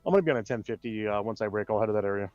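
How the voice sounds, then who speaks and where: A man's voice: fairly low pitch, very fast, darkish tone, no echo, muffled recording, faint music behind. A man speaking as a police officer over a police radio transmission, using clipped radio codes. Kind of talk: radio traffic in roleplay.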